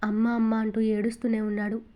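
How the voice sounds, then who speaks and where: A woman's voice: fairly high pitch, monotone, brisk, muffled recording, natural voice. A woman voicing a worried young woman who speaks tearfully and pleadingly. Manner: pleading, sorrowful.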